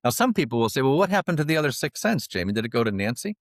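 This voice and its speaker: Talking very fast in a medium-pitched voice, a financial advisor guesting on a podcast tells stories laced with jokes. He's animated and laughs at his own lines during the storytelling interview. The studio sound is clean, with no room sound.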